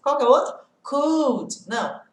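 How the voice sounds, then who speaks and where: In an echoey room, a high-pitched woman speaking at normal speed streams a live English class, her native language being Portuguese. She stays lively throughout, regularly checking on the audience and calling out viewers by name.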